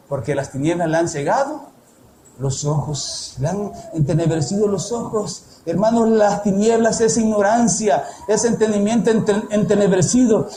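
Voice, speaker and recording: A man preaching to a congregation, asking them repeated rhetorical questions and slowing down to stress scripture. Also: high voice, dark tone, echoey room, slight background noise, low-quality recording. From El Salvador. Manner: slow, emphatic delivery of scripture. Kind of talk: sermon. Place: church.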